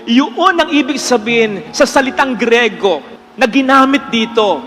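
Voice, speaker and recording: Very high-voiced priest preaching earnestly. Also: male voice, lively intonation, unhurried, fairly bright tone, long reverb tail. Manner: earnest, emphatic, mixes English phrases. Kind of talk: homily. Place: church with congregation.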